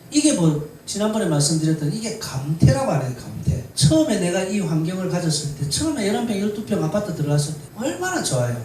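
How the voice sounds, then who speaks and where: Lively storyteller man, echoey room. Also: sits high. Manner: lively, chatty, animated retelling. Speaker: storyteller for older women. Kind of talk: folk-tale storytelling talk. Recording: echoey room, distant mic, faint hiss.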